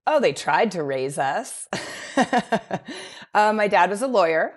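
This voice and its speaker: Low-voiced woman, candid and laughing. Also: big pitch swings, a little slow. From Oregon, USA. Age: adult with a nephew and niece. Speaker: guest. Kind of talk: podcast interview. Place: home.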